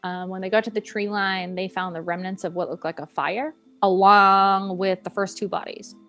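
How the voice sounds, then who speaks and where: A woman's voice: medium pitch, fairly even intonation, normal speed. A young woman co-hosting a podcast, telling a story in a playful, chatty way with jokey asides. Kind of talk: casual storytelling chat. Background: soft background music.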